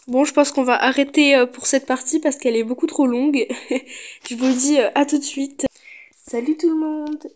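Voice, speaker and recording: High-voiced woman chatting over gameplay. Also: steady tone, normal speed. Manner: chatty, thinking aloud. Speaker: gaming video creator. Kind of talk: casual gameplay commentary.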